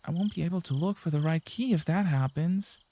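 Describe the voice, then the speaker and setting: A man's voice: on the high side, a little fast, dark tone. A man reading the inner monologue of a panicking teenage girl sneaking through a school, in a tense, frantic voice. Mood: panicked. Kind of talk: reading a visual novel aloud.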